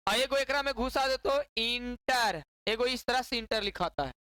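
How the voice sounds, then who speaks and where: A woman's voice: fairly high pitch, normal speed, fairly bright tone, dry recording, poor audio. A woman teaching a class, repeating key words and quizzing her students with constant questions. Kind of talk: classroom lecture.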